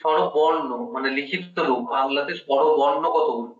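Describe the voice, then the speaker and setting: A man whose voice is a little high works through Bengali grammar with one student at a moderate pace, explaining each step and asking quiz questions. The microphone is far away in a dull, echoey room.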